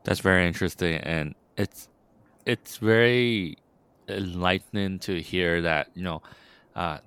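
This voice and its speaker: A man's voice: sits low, a little slow, fairly bright tone, smooth, no echo. A man hosting an interview, asking long rambling questions full of fillers. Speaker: interview host. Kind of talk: podcast interview.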